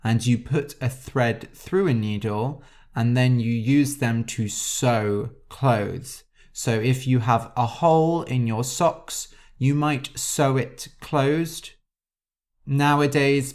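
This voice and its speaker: A man hosting a podcast and teaching vocabulary for learners in a slow, deliberate way, spelling out words letter by letter. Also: medium pitch. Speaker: podcast host. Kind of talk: scripted vocabulary lesson for learners.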